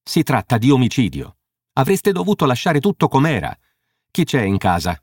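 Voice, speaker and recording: A man's voice: medium pitch, wildly swooping pitch, normal speed, breathy edge, dry recording, studio quality, pitched above the performer's own voice. A man voicing a stern, exasperated police sergeant. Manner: sharp, scolding.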